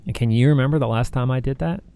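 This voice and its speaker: A mentally exhausted man co-hosting a livestream chat, talking in halting starts and restarts. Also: mid-range voice, warm tone, smooth. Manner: halting, restarts often, tired. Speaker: streamer and co-host.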